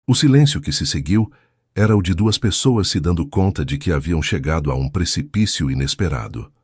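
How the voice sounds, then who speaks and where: A man's voice: low-pitched, expressive, brisk, a little mellow, slightly rough, no echo, studio quality. A man giving a solemn, scripted narration of a romance story.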